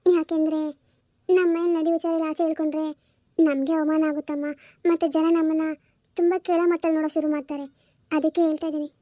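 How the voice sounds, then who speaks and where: A woman voices a weary young mother who coaxes and reassures her child, in a high and level voice. This is a homemade family drama recorded dry and close. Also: little pitch movement, quick pace, pauses often, dry recording, natural voice. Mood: soothing. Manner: soft and coaxing. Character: young mother, burdened, soothing and protective.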